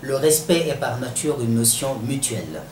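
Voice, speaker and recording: A man asking interview questions in a formal, measured and wordy manner. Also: mid-range voice, animated. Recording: echoey room with faint background noise.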